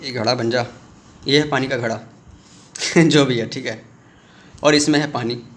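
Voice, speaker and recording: A man teaching a commerce lesson on video. He explains with everyday examples, calls his viewers friends, and acts out student questions in a lower voice. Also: steady tone, measured pace. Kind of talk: video lecture.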